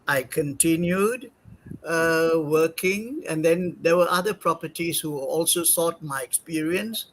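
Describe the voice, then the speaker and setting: An older man from Singapore speaks as an interview guest, his voice sitting somewhat high for a man. He talks haltingly, filling pauses and going back to correct himself as he recalls his career. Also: fairly bright tone, rough recording. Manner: halting, many fillers and self-corrections.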